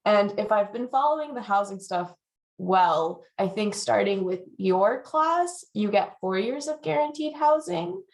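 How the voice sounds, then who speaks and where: A woman's voice: medium pitch, expressive, a little slow. A young woman on an alumni panel, talking casually with lots of fillers. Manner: chatty, many fillers like "like".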